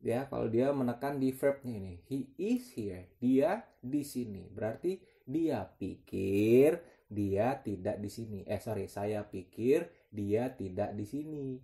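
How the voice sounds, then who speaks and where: Gravelly-voiced man teaching casually. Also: mid-range voice, a little slow. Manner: relaxed, slangy, with fillers and self-corrections. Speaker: TOEFL teacher. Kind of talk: casual explanatory lesson.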